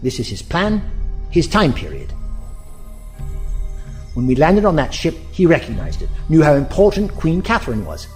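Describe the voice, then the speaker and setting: Wry, thoughtful time traveller, played by a man: extremely animated pitch, theatrical musing delivery, light music behind. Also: moderate pace, long pauses. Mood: earnest. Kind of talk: audio drama acting.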